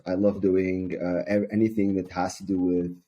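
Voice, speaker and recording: A man from Syria, a sales coach, speaking calmly and measuredly as an interview guest, with frequent ums. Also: low voice, normal speed, highs cut off.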